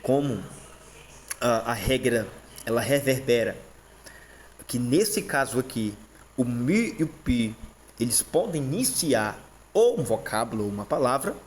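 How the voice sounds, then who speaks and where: A man's voice: medium pitch, animated, unhurried, pauses often, slight background noise. Man with a Brazilian accent explaining patiently. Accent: Brazilian Portuguese. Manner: frequent fillers and "tá?" checks, repeats terms. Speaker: teacher. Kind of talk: casual explanatory lesson.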